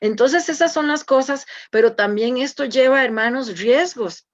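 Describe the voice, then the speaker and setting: A woman's voice: high voice, moderate pace, muffled recording. A woman with a Costa Rican accent, telling a church conference a testimony in an earnest way, with many fillers and restarts. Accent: Costa Rican Spanish. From Costa Rica. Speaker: church speaker.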